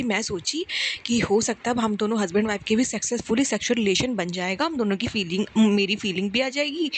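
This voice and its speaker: A young woman tells a personal testimony to a congregation from home, speaking softly and pleading, with frequent direct address to her listeners. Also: fairly high pitch, a little hiss or hum. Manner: speaks softly and hushed on purpose. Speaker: devotee sharing testimony.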